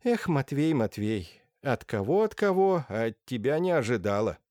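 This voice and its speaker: A man's voice: medium pitch, sing-song, moderate pace, warm tone, no room sound, natural voice. A man voicing a domineering, scheming older noblewoman in an audiobook, by turns wheedling and hissing. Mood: coaxing. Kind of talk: audiobook character voice. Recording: dry close studio sound.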